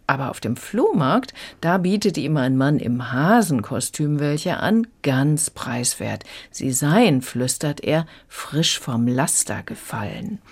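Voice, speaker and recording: A woman's voice: a bass voice, darkish tone. Woman chatting on radio about a kids audiobook, friendly, explains stuff. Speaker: audiobook reviewer. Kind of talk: radio review chat.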